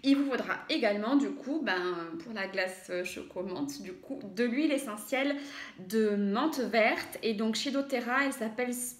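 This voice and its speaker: A woman's voice: fairly high pitch, measured pace, reverberant. A woman walking through a recipe in a casual cooking tutorial at home, chatty and hesitant, with many fillers and self-corrections. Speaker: home cook demonstrating a recipe.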